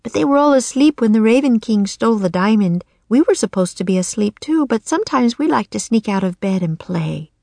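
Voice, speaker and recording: A woman's voice: on the high side, animated, a little fast, gravelly, few pauses, darkish tone, no room sound, voice pushed up. A woman voicing a cheerful young girl who is a castle daughter, telling her tale eagerly.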